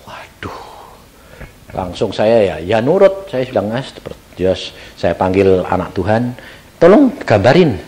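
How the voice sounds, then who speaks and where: A man preaching with a Javanese accent, acting out little scenes and swinging between loud outbursts and hushed asides. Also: lowish voice, very animated, measured pace. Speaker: pastor. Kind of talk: sermon.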